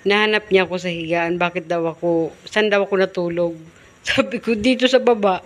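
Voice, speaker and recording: A woman's voice: on the low side, fairly quick. A woman vlogging in a casual chat, talkative and teasing, often repeating her questions. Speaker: vlogger host. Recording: noisy background with passing vehicles.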